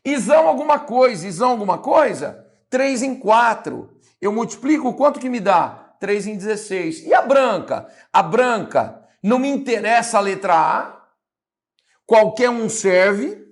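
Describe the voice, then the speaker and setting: Lively Brazilian biology teacher. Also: male voice, sits high, a little slow. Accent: Brazilian Portuguese. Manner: lively, talks through steps, repeats "olha lá". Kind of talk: exam-solving lesson.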